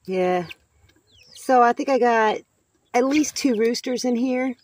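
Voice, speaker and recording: Speaking slowly in a fairly high, slightly mellow voice, a middle-aged woman gives a casual, folksy vlog from her homestead outdoors, occasionally chatting to her chickens. She holds a camera or phone at arm's length.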